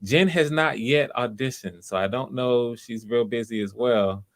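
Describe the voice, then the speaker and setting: A man runs voice auditions on a livestream, speaking casually and encouragingly and often repeating phrases. His voice is mid-range and his pace measured.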